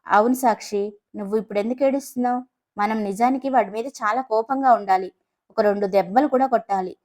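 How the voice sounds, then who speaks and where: A woman's voice: a little high, fast talker, a little mellow, close to an everyday voice. A woman voicing a proud, teasing middle-aged father who speaks sarcastically and boastfully. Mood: scolding.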